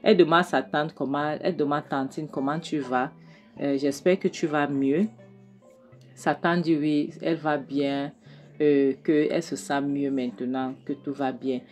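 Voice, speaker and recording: A woman recaps a film in a casual, animated way, tagging little "hein?"s onto her remarks and acting out the dialogue. Her voice sits low and deep. Faint music plays underneath her. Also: moderate pace. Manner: animated, keeps adding "hein?" and re-enacts dialogue.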